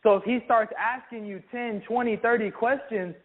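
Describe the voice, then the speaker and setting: A man leading an energetic business training talk, who keeps calling his listeners "guys". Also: high-pitched, moderate pace. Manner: energetic, keeps saying "guys", acts out sample calls. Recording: tinny phone-like sound.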